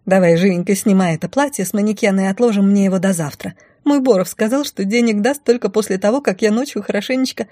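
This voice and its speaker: A woman voicing a brash, spoiled young blonde woman who talks in shrill, squealing outbursts. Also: quick pace, hardly any pauses, dark tone, no room sound, studio quality, close to an everyday voice. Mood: bossy.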